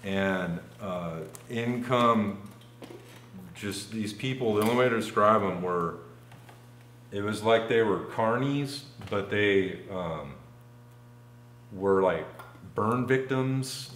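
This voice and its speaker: Rambling low-voiced man telling a story. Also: slow pace, fairly bright tone, roomy sound, a little hiss or hum. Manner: rambling, full of "like" fillers. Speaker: podcast guest. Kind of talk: casual storytelling.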